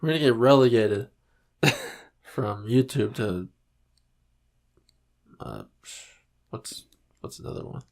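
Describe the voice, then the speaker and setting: A man's voice: medium pitch, slow, gravelly, pauses often. Jokey podcast guy, voice bouncing all over, acts stuff out. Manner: animated, jokey, acts out scenes. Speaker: podcast co-host. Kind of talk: casual comedic chat.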